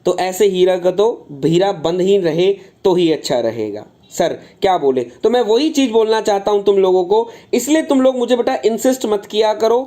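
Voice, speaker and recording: A man with a high, dark-toned voice teaches a live online engineering exam class, his intonation lively and his pace moderate with hardly any pauses. Fatherly toward his students, he calls them "beta," repeats his phrases, and answers chat comments out loud.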